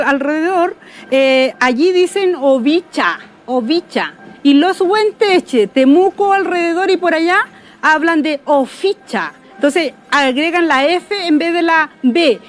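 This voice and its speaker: A woman giving a spoken language lesson, patiently repeating each word and checking that listeners follow. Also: sits high. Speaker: Mapuche language teacher.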